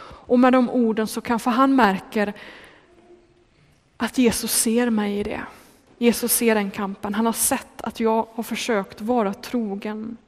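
Slow emphatic woman preaching in reverberant church. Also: on the high side, fairly even intonation. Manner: slow and emphatic, lingers on repeated phrases. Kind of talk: sermon.

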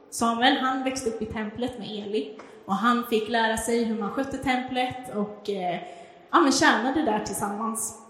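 A woman preacher giving a conversational devotional talk that retells a Bible story, with fillers and restarts. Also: fairly high pitch. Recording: echoey hall with long reverb.

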